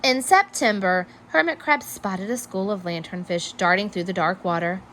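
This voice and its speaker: A woman reading a children's story aloud in an expressive, measured storytelling manner. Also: mid-range voice, a little hiss or hum. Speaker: storybook reader. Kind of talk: children's read-aloud narration.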